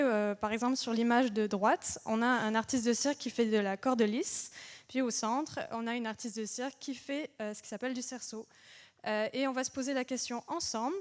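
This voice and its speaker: A young woman from France gives an interactive engineering lecture in a French accent. Her voice sits a little high. She speaks loosely and chattily, often pausing on fillers to check in with her listeners. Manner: chatty, asks the audience questions, many fillers. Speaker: engineer giving a public lecture. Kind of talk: interactive public talk.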